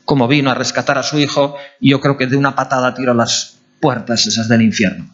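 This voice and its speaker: A male pastor, preaching a sermon in an animated way and asking his congregation questions. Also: medium pitch, a little fast. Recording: dull lo-fi recording.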